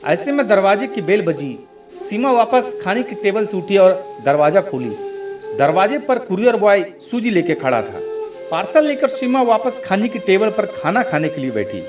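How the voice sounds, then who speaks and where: A man narrating a family story in a steady, explanatory storytelling manner. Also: high-pitched, moderate pace. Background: soft instrumental music.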